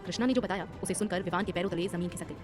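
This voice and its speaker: A woman reads a serialized romance audio story with brisk, dramatic narration at a very rapid clip. Her pitch sits in a middle range, and clear music plays throughout. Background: background music.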